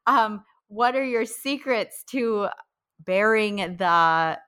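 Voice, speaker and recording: A woman's voice: medium pitch, lively intonation, slow pace, a bit bright, clear, resonant tone. A woman from North Dakota hosting a podcast, introducing her guest and chatting in an upbeat, encouraging way. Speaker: podcast host.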